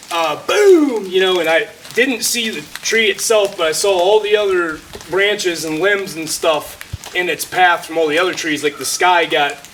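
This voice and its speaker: A man sheltering in a cave, telling a hiking story to camera with lots of fillers, his voice echoing off the rock. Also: on the high side. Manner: rambling, heavy on fillers. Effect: cave echo. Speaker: hiker filming a vlog. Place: shallow cave in the woods, sheltering from a thunderstorm. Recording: echoey cave, distant mic, loud rain noise. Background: heavy rain.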